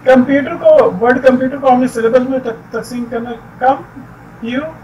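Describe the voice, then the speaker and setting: A man teaching an English textbook lesson, explaining slowly and repeating words. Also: very high voice, fairly even intonation, a little mellow. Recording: distant mic with faint background noise.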